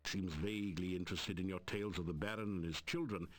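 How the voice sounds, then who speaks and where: A storybook-style fantasy adventure narrator, voiced by a man. His voice sits on the low side as he tells the tale in measured, scripted narration. Soft music runs behind it. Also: steady tone, lightly acted. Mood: wry storytelling. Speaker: game narrator. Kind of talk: scripted second-person narration.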